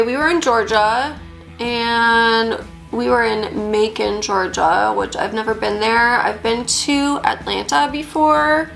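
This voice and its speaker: Young woman, beauty vlogger, chatty and rambling, slightly high voice with vocal fry, soft music under. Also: low-quality recording. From Upper Peninsula, Michigan. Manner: chatty, many "like" fillers; slight lisp at times. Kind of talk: casual get-ready-with-me chat.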